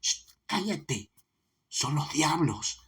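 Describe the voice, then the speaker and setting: Brief: man voicing a scared peasant boy in an audiobook, hushed and urgent, husky, soft and low. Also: very animated, very slow, exaggerated voice. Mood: fearful hush. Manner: hushed, urgent, half-whispered. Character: frightened peasant boy, hushing his sister.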